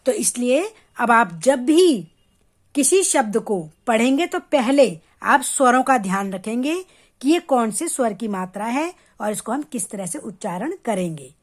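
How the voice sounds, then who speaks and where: Patient schoolteacher woman, slow and deliberate, drawing out words for young learners. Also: fairly high pitch, animated. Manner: stretches out example words syllable by syllable; patient, checks understanding with questions. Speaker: Hindi teacher. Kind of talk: slow, careful lesson for children.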